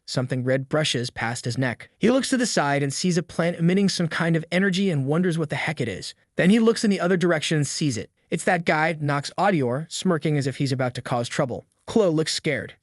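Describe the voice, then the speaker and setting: A man's voice: on the high side, no room sound. Man narrating a story recap, dry sound. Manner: brisk storytelling with wry asides.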